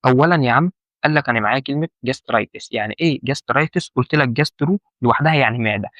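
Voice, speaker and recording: A man with an Egyptian Arabic accent gives an informal medical terminology lesson at a quick pace, repeating key points and questioning the listener. His medium-pitched voice is fairly bright, but the recording is muffled, with no room sound.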